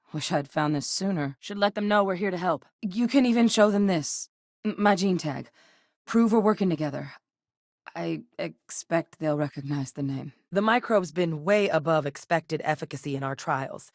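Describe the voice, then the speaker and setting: This fairly low-pitched female voice belongs to an actress portraying a video game character, a guarded, steady ex-soldier turned scientist. She delivers lines measuredly and matter-of-factly, shouting orders in combat, with a natural voice. The sound is clean studio audio without echo.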